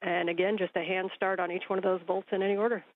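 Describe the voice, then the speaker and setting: A woman's voice: mid-range voice, dry recording. Woman on a tinny space radio link. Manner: calm, procedural, halting with fillers. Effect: space-to-ground radio transmission. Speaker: mission control communicator. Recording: tinny narrow-band radio line.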